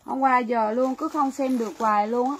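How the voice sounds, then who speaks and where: With a high voice and fairly even intonation, a Vietnamese woman delivers a livestream sales pitch at moderate speed, chatting and repeating phrases for viewers. The audio is poor, and faint noise lingers behind her.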